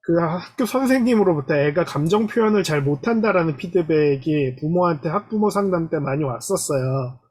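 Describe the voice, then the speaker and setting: Casting: calm, measured dad on a panel, husky voice pitched high. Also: male voice. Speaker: panelist father. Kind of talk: casual parenting talk.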